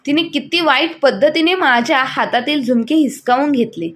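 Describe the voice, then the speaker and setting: A woman's voice: high voice, normal speed, a bit bright. A woman voicing an offended young sister-in-law who complains to her mother.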